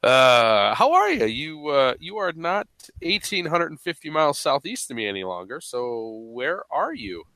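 A man's voice: on the high side, big pitch swings, normal speed, bright, forceful tone, dry recording. A man with a stuffy voice hosting a podcast in a playful, casual, chatty way. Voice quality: stuffy, congested-sounding. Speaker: podcast host. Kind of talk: casual chat.

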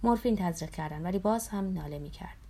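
A woman narrating a memoir aloud in a calm, somber storytelling voice, sometimes dropping to a whisper. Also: on the low side, slightly rough.

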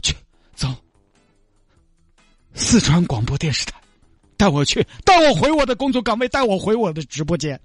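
A man voicing a frazzled, stubborn working woman with a Sichuanese accent who talks in shrill, wailing pleas. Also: sing-song, normal speed, long pauses, no echo, soft background music. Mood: insistent. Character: frazzled stubborn woman worker, desperate for attendance bonus.

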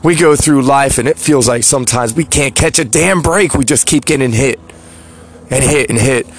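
A man's voice: medium pitch, normal speed. A man hosting a podcast, delivering a reflective motivational monologue with frequent rhetorical asides. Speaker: podcast host.

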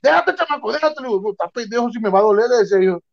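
A young man from Mexico, telling a story in casual chat, slangy and animated, acting out the other people's voices. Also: high voice, very fast. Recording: dull lo-fi sound.

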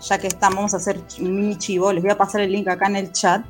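A woman's voice: medium pitch, level tone, fast talker, faint music behind. A woman hosting a podcast in casual, chatty talk with frequent fillers. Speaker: podcast host. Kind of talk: casual chat.

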